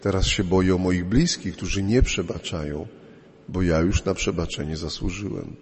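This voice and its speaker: A man preaching a sermon as a priest, slow and emphatic, his voice rising and falling in pitch and loudness. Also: in a large hall.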